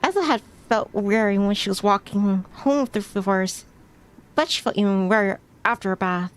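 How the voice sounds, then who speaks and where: A woman streamer reads a visual novel aloud as story narration, sometimes stumbling over a word and rereading it. Her medium-pitched voice is smooth and at normal speed, though the audio is poor, with music playing behind her.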